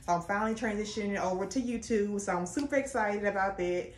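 A woman's voice: mid-range voice, fast, a little hiss or hum. A woman doing a casual DIY how-to vlog, chatting and explaining each step while her voice echoes around a bare bedroom. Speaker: DIY vlogger. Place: bedroom with the bed moved away.

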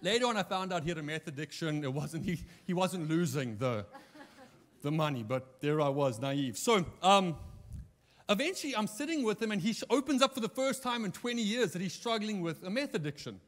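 A man preaching a sermon, telling a story in a lively way and acting out the dialogue. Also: sits high, fairly quick. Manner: animated anecdote-telling, acting out quoted dialogue. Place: church hall. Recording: long church reverb.

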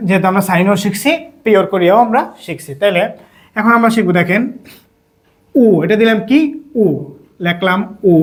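A man from Bangladesh teaching a language lesson, asking questions and answering them himself with lots of repetition. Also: high-pitched. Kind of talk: classroom lesson.

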